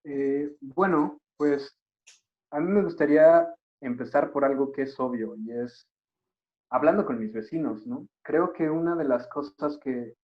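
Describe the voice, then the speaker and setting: A man speaks as a panelist in a measured, reflective way. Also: on the high side. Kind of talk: casual panel talk. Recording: dull lo-fi audio.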